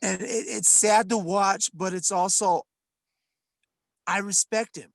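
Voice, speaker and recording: A man's voice: sits high, steady tone, slow, vocal fry, no room sound. A man co-hosting a podcast, ranting with passion and frequent swearing in casual chat. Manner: impassioned, swearing, rambling rant. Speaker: podcast co-host.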